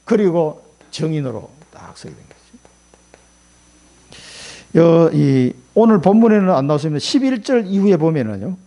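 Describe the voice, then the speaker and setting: A man's voice: high voice, creaky, warm tone, breathy edge. A middle-aged male pastor preaching a sermon in a colloquial storytelling way, acting out quotes as he goes.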